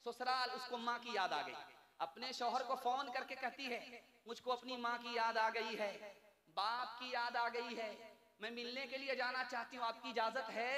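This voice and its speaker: A man preaches to a large gathering in a high voice, telling stories and acting out the dialogue in them. His words ring on in a long reverb through the loudspeakers, with a loud crowd behind him. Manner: storytelling, acts out dialogue, ends in drawn-out chant. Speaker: mufti preacher. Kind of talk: Urdu-Hindi sermon with stories and sung verse.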